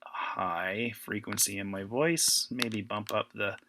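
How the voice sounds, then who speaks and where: A man teaching an informal audio editing lesson, thinking aloud in a relaxed way. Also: on the low side, slow, vocal fry, slight background noise. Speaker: music teacher. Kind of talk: casual screen-recorded audio editing tutorial.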